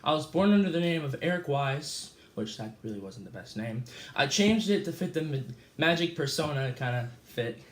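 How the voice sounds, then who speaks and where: A young man, lightly acting, voices a laid-back celebrity escape artist chatting through a mock interview. His fairly high voice has lively intonation and is slightly raised, and his halting, casual speech is full of "uh" and word slips, echoing around the room.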